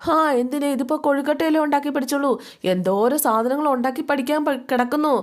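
A woman's voice: sits high, fairly even intonation, fast, voice pushed up, natural voice. A woman voicing a bossy mother-in-law teaching a young woman to cook. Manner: bossy, instructing.

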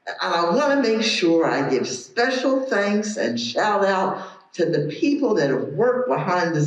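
A woman from Philadelphia hosting a formal event welcome, speaking in a measured, expressive way. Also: sits low. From Philadelphia, Pennsylvania. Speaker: event host. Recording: very echoey room.

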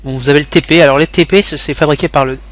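A man's voice: fairly high pitch, fairly even intonation, very fast, fairly bright tone. A young man from France talking through gameplay as a tutorial host, rambling with many fillers and restarts. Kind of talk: casual gameplay commentary tutorial.

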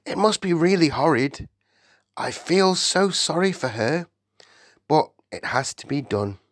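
Little orphan girl, patient, kinda nervous, a bit higher from the storyteller. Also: lively intonation, measured pace, no room sound. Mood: anxious. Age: child.

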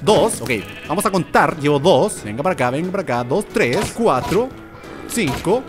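Excitable man narrating his game. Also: on the high side, normal speed, over music. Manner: excitable, talks to mobs, swings between mutters and outbursts. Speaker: gaming YouTuber. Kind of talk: Minecraft let's play commentary.

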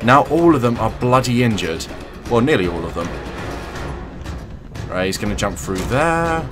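Over music, a gaming channel host with a medium-pitched voice and big pitch swings speaks at normal speed, commentating his own play. This young man keeps it chatty and jokey, taunting the other players in a sing-song way.

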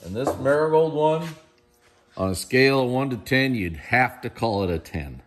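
Recorded on a handheld camera in a spacious warehouse room, with a little hiss or hum, a middle-aged man talks through auction items. His medium-pitched voice is animated and moves at normal speed. He's chatty and enthusiastic, praising the pieces in a casual walkthrough.

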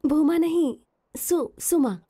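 A woman's voice: high-pitched, slow, warm tone. A woman dubbing a proud, feisty young medical student who speaks firmly and indignantly. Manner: firm and indignant. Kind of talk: film dubbing.

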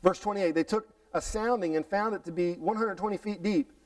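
A middle-aged man preaching from a church stage on a headset mic, with a fairly high voice. He reads scripture and talks it through in an animated way, often restarting and repeating words. The voice sounds a little distant in the room. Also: brisk. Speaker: pastor. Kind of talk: sermon reading and explaining scripture. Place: church sanctuary stage, indoors.

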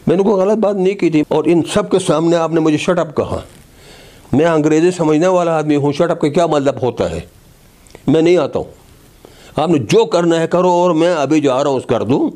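A man voicing a proud, stubborn elected official who insistently refuses, in a slightly lowered voice. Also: lively intonation, moderate pace, long pauses, a little mellow, lightly acted. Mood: defiant.

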